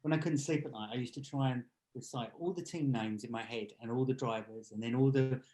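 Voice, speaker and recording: A man's voice: mid-range voice, fairly quick, warm tone, rough recording. Jokey middle-aged man. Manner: chatty, jokey, laughs often. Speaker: podcast co-host. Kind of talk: casual chat.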